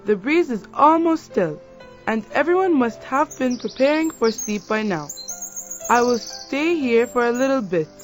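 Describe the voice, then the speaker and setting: A woman's voice: a little high, animated, measured pace, faint music behind. A woman voicing a cheerful little storybook cloud. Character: friendly cheerful little cloud, kind and hopeful. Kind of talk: storybook character voice.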